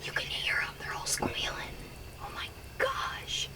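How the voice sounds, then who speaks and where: A woman whispering excited commentary while hunting from a pop-up blind outdoors. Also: unhurried. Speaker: hunter filming her hunt. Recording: distant mic with music underneath.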